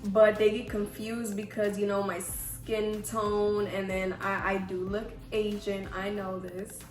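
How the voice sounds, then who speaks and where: A woman's voice: mid-range voice, level tone, a little slow. A woman in her twenties from Houston, Texas, chatting casually and self-deprecatingly to viewers in slangy speech, her voice affected by a cold. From Houston, Texas, USA. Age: 20s. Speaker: vlogger. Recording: echoey room, music underneath.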